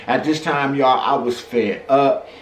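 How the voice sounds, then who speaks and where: A man vlogging a storytime in an animated, slangy way, throwing out rhetorical questions. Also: medium pitch, unhurried, a little hiss or hum. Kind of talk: storytime vlog. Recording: echoey room, mic at a distance, faint ambience.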